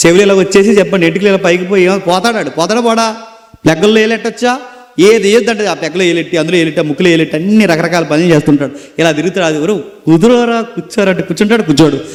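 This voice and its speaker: High-voiced preacher in an echoey hall. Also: male voice. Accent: Telugu. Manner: animated storytelling with questions to the congregation. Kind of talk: sermon.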